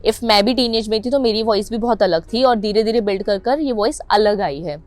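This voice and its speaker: A woman's voice: medium pitch, brisk, darkish tone. A young adult Indian woman teaching public speaking to camera, mixing English into Hindi with an Indian English accent and stressing her words emphatically. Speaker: anchoring and public speaking coach.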